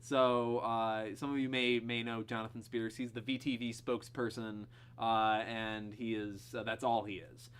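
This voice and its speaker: A man's voice: mid-range voice, little pitch movement, moderate pace, hardly any pauses, fairly bright tone, slight background noise. Hesitant man reading his comedy scripts. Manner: hesitant, lots of filler words.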